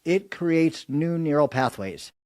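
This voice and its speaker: A man speaking as a podcast guest, earnestly explaining a faith framework in an animated, preaching style. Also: on the high side, slow. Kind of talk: faith-based podcast conversation.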